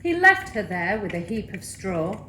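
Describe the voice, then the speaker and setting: A woman's voice: medium pitch, big pitch swings, normal speed, sharp tone. A woman narrating a rhyming pantomime story in a theatrical storytelling manner. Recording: echoey room with clear noise.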